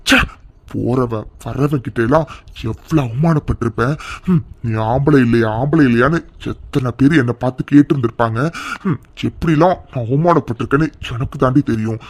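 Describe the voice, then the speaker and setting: A man's voice: mid-range voice, fairly quick, a little mellow, husky, close to an everyday voice. A man voicing a bitter, humiliated husband in a cartoon serial who scolds his wife harshly. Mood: angry scolding.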